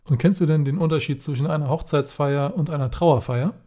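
A little fast and dark in tone, a man's fairly high voice reads jokes aloud on a podcast he co-hosts. The chat is casual, and he often cracks up while telling them.

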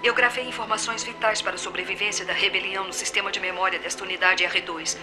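A woman's voice: mid-range voice, steady tone, fast talker, music in the background, close to an everyday voice. A woman voicing a young princess in a dubbed film, earnest and formal as she sends a desperate plea. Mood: pleading. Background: film score.

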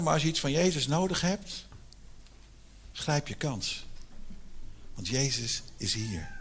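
A man preaches a Sunday sermon in a church, retelling a Bible story with lively storytelling energy. His voice sits high and sounds bright and sharp.

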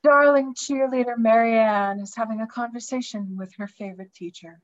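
A woman's voice: a little high, fairly even intonation, normal speed, dull audio. A woman narrating a scripted comedy radio serial as its announcer.

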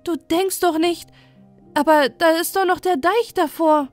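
A talkative lapwing, vain and easily alarmed, as a woman reads him aloud. The voice rides high and bright, with faint music under it. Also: a little slow. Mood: chatty. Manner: chatty, touchy, easily alarmed. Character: chatty vain male lapwing bird. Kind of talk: storybook reading.

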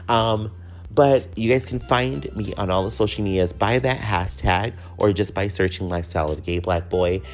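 A podcast host with a deep, low voice runs his own personal show, talking casually and candidly as if chatting straight to his listeners. He swears freely, with faint music playing behind him.

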